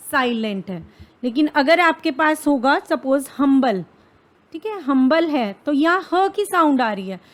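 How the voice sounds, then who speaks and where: A woman with an Indian accent teaches grammar for exam prep, her voice set high. She talks slowly, puts questions to her students and answers each one herself, and drops English phrases into her explanations. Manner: asks the class questions and answers them herself; reads English examples slowly and deliberately.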